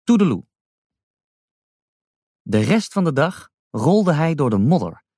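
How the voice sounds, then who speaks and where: A man reading a rhyming children's story aloud as a storyteller, slow and expressive. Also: fairly high pitch, dry recording, clean studio sound.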